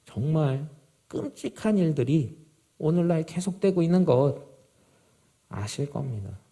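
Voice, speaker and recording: Male pastor giving a sermon, fairly high voice, mellow, gets loud then goes real quiet. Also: expressive, measured pace. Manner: emphatic, rising to loud urgency then dropping low and quiet.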